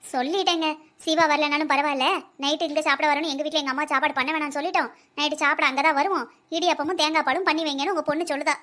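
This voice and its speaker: A fussy older wife and grandmother in a cartoon, voiced by a woman, speaking high and fast with a South Tamil Nadu accent. She pleads with and bosses her husband around in a rapid patter. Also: fairly even intonation, sharp tone. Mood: pleading. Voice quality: pleading, busy, bossy. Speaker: voice actor in a family cartoon. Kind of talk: cartoon family comedy acting.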